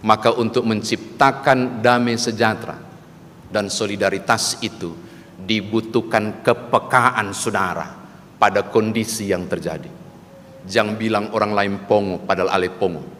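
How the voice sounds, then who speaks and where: A man's voice: fairly low pitch, steady tone, normal speed, fairly bright tone. Older guy pastor, sermon with a silly story, echoey church hall, bit of background hum. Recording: long church hall reverb, faint ambience.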